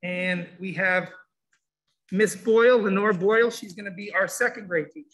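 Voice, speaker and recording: A man with a high-pitched voice talks through a face mask, slightly muffled. He gives an informal welcome-session presentation to families as a school supervisor. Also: normal speed, a bit bright. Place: indoor school room, standing before a presentation screen.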